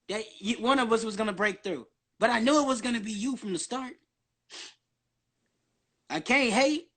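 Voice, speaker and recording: A man's voice: extremely high pitch, fairly bright tone. A man in his early twenties rambling nonstop on a casual livestream, slangy and full of swearing. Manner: profane, slangy. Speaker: guest on a social media live stream.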